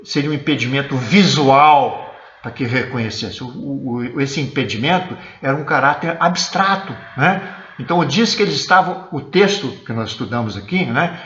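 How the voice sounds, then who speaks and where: A man's voice: mid-range voice, normal speed, fairly bright tone, lo-fi sound. Brazilian man teaching a sermon in an echoey church. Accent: Brazilian Portuguese. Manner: explanatory, often checks in with the listeners. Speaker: church elder preaching. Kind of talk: teaching sermon for an online service. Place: church, indoors.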